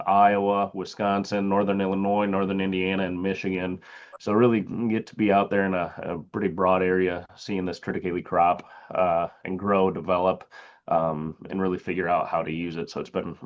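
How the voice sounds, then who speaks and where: A man's voice: sits low, muffled recording. A man presenting on a video call as a seed company sales agronomist, speaking with many hesitant fillers. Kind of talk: presentation with slides.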